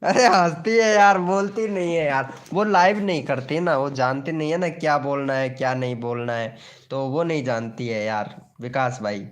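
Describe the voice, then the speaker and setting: A man's voice: mid-range voice, normal speed. A young man hosting a casual live stream, joking and teasing viewers by name.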